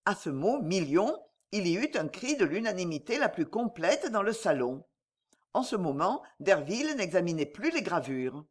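A woman narrating a classic novel as an audiobook reader, in a measured, expressive literary reading. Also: lowish voice, husky.

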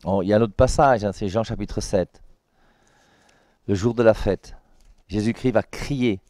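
A man, a priest, giving a conversational Sunday Bible commentary, often adding "hein" and repeating words, and reading scripture slowly and emphatically. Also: lowish voice, darkish tone, no echo, clean studio sound.

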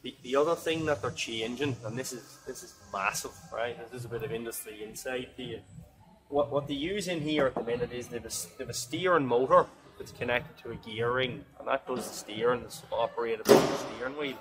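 A man's voice: medium pitch, a little fast, low-quality recording. An older man with an explanatory manner, often repeating words as he starts a sentence, describing equipment during an interview in a large warehouse, recorded by a nearby 360 camera. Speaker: forklift dealer expert. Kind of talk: on-site demonstration interview.

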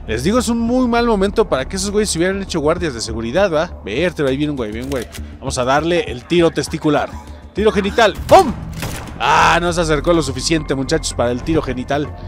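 Excitable Mexican man gaming, lively pitch. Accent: Mexican Spanish. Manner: excitable, swears a lot, jumps to yelps and shouts. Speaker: gaming channel host. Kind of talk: casual gameplay commentary.

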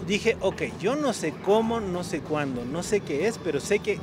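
A man's voice: high voice, lively intonation, moderate pace, music in the background. A man in his thirties with an Ecuadorian accent, answering interview questions in an earnest storytelling way on a city street, into a handheld mic. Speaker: cinematographer, guest. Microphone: handheld microphone held by interviewer. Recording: noisy outdoor street.

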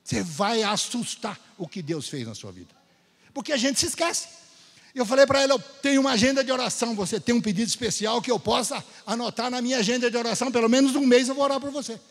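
A man's voice: extremely high pitch, fast. A man from Brazil telling a testimony in a church sermon, storytelling and acting out the dialogue. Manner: storytelling, lively, acts out dialogue. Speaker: Gideon speaker at church. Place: church sanctuary. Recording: hall reverb in church.

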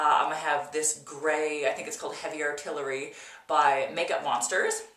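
A woman's voice: low voice, a bit bright. A woman in her thirties giving a casual, emphatic tutorial to camera in an echoey bathroom, repeating words for emphasis. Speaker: video host, makeup tutorial presenter. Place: small indoor bathroom. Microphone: camera mic a little way off. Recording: echoey bathroom, mic at a distance.

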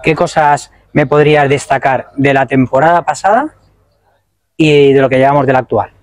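A man's voice: medium pitch, normal speed, dry recording. A man in his forties hosting a padel vlog, interviewing a player outdoors at a tournament with a handheld mic, upbeat and prompting. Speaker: vlogger and interviewer.

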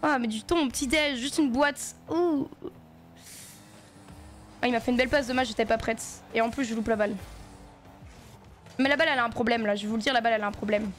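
A woman's voice: on the high side, quick pace, long pauses, faint music behind. A woman streaming a game, chatting loosely with her viewers in slangy talk while she plays. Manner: chatty, slangy, talks to chat while playing. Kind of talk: casual gaming stream chat.

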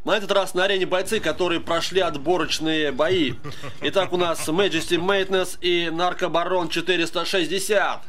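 A man hosting a video game tournament, giving live match commentary in an excitable, informal way. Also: high-pitched, moderate pace. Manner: excitable, informal, addresses viewers as friends. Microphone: voice-over over game audio. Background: game music and fight sounds.

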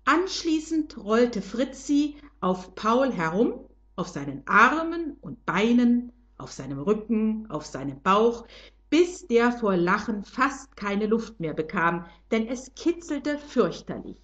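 An older woman slowly and gently narrating a children's storybook. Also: fairly high pitch, very animated, dull audio.

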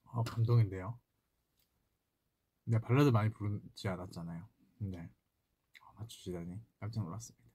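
A man's voice: lowish voice, brisk, long pauses, warm tone, slight background noise. A young man in his twenties, an idol singer chatting playfully on a solo livestream and answering fan comments from a small room. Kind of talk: casual livestream chat, reading fan comments. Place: small indoor room, seated at a desk.

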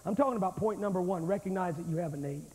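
Old VHS footage with a long hall echo captures a forties-aged evangelist preaching a revival sermon on a big church stage, handheld microphone in hand. His voice is high and racing as he tells a story with animated confrontation.

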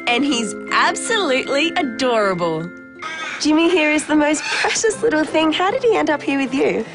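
A woman's voice: high voice, very animated, moderate pace. A woman presenting a TV segment at a wildlife rescue farm, bubbly and enthusiastic as she asks questions. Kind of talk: upbeat presenting and interviewing. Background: background music.

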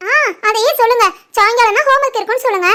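A woman voicing a sulky, stubborn schoolgirl daughter in an animated family story, with a southern Tamil Nadu accent and a whiny, pleading way of talking. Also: very high-pitched, rapid-fire.

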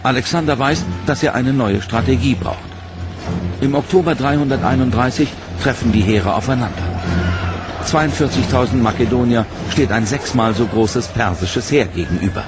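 A man narrates a history documentary with a measured, serious delivery at an ordinary middle pitch. A prominent, dramatic music bed plays beneath his voice the whole time.

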